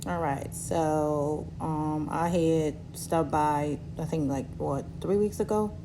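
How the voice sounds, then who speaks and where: Cameroonian-born woman, 30s, slow and halting, lots of ums, recovering from surgery, low voice. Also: fairly even intonation, background noise. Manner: slow, halting, with many fillers and restarts. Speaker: vlogger. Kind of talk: personal storytelling to camera.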